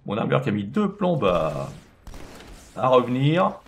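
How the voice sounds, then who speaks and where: A man's voice: mid-range voice, wildly swooping pitch, unhurried, creaky, slight background noise. A man casually commenting on his own video game play, chatting to himself and to the enemies on screen.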